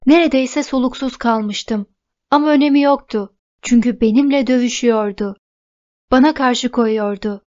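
A woman narrating a novel in the first person, telling the story at a steady pace. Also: on the high side, lo-fi sound. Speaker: audiobook narrator.

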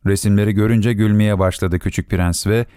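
A man reading a story aloud as narrator, in an expressive, melodic storytelling manner. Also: lowish voice, brisk, clear, resonant tone, dry recording, clean studio sound.

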